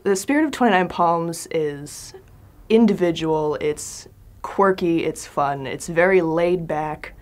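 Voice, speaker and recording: A woman's voice: fairly low pitch, slow pace, faint music behind. A woman speaking in a cheerful, laid-back way in a promotional interview.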